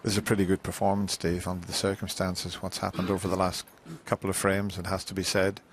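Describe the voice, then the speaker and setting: A man giving hushed live snooker commentary in a measured, understated way, with unhurried phrasing. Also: deep voice, completely flat delivery. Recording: live broadcast with faint arena noise.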